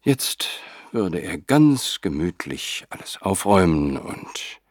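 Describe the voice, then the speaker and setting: A man reading an audiobook in a measured, wry storytelling manner. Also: deep voice, very animated, a little mellow, no echo, clean studio sound. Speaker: audiobook narrator. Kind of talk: scripted narration.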